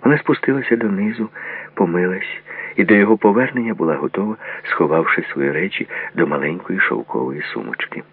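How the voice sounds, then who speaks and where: A man with an extremely low, gravelly voice narrates a novel in a measured, literary way. The audio is thin and tinny, like a phone line. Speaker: audiobook reader.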